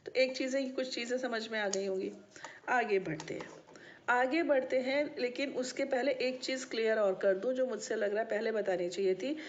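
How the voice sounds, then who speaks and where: A woman's voice: fairly high pitch, steady tone, normal speed, slight background noise. A woman teaching a maths lesson to students, often checking that they have understood. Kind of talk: classroom lecture. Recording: dull lo-fi recording.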